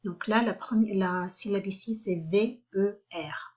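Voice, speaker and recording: Slow, careful woman teaching French. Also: medium pitch, muffled recording. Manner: slow and careful, spelling out syllables with many hesitations. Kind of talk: online language lesson.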